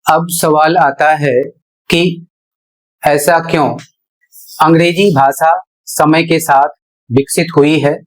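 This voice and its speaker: Slow, deliberate male teacher spelling words. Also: fairly high pitch, fairly even intonation, low-quality recording. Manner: deliberate, spells out words letter by letter, asks and answers his own questions. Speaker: English pronunciation teacher. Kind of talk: classroom-style lesson at a board.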